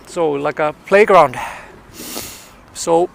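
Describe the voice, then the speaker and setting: A tour guide from Iceland streams a walking tour live from beside a city pond in wintry wind, sniffling from the cold. His slightly high voice has vocal fry and a slow pace, with some background noise, as he chats, greets viewers by name, and searches for words.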